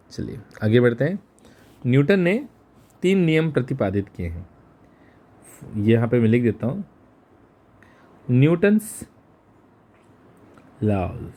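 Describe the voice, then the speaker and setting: Guy teaching physics at a whiteboard, asks a question then answers it, mid pitch. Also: mellow. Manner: explains slowly, asks and answers his own questions; mixes English terms into Hindi. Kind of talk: exam-prep physics lesson.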